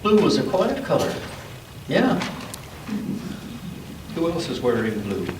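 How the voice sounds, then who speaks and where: A man of medium pitch, his voice swinging wildly up and down, reads a children's tale to a church group of all ages. Between deliberate, dramatic pauses, he chats casually with those listening. The church room echoes, the mic sits far away, and there is faint noise.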